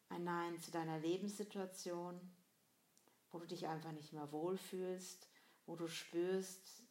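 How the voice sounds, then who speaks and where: A woman with a fairly low voice speaks straight to the listener in a motivational monologue. She asks reflective questions in a loose, conversational way with plenty of fillers, and her voice rings in a roomy space. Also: darkish tone. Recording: roomy echo.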